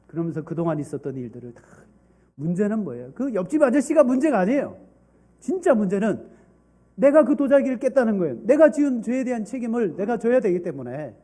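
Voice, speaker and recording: A male pastor preaching a sermon, telling a story and asking the congregation questions in an animated way. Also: sits high.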